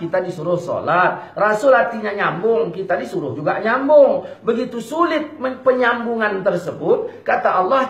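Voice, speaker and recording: A man preaching, telling a lively, humorous story and acting out the dialogue. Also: high voice, vocal fry. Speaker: Islamic preacher. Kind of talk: sermon with storytelling. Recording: lo-fi echoey hall recording.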